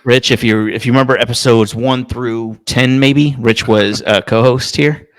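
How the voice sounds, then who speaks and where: A man's voice: medium pitch, steady tone, moderate pace, no echo. A man co-hosting a fantasy football podcast, chatting casually in a rambling way and swearing freely. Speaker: podcast co-host. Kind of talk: casual chat.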